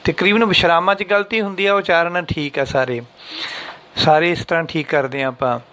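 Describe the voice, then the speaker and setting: A man teaching how to read and understand scripture, patiently repeating lines and chanting them slowly to show the pauses. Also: on the high side, fairly even intonation, bright, forceful tone. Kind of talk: explanatory religious lesson.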